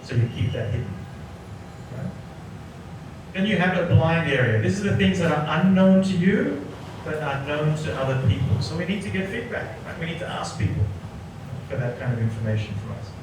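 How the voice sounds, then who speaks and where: A man in his forties, from Sri Lanka, gives an interactive workshop talk, tagging "right?" onto his points. His voice sits a little high and is heard from some way off the mic in a very echoey room. Steady background noise runs under the recording. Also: moderate pace, far from the mic. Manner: keeps checking in with the audience by asking "right?". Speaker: psychologist giving an executive workshop.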